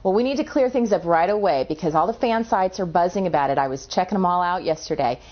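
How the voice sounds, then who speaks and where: A woman's voice: on the low side, lively intonation, quick pace. A woman hosting an interview, asking questions in an upbeat way. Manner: upbeat, laughs often. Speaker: interview host. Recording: dull lo-fi sound.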